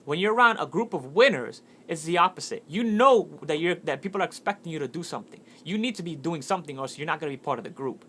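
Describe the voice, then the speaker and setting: A man's voice: a little high, lively intonation, fast talker, few pauses, pushed and bright. A man in his twenties talking casually and earnestly about motivation, telling a story with frequent restarts. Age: 20s. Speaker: motivational speaker.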